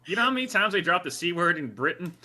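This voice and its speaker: A man with a sharp, very bright voice and lively intonation. He riffs and jokes casually as a co-host on a sports chat show. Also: high voice, quick pace. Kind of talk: casual joking banter.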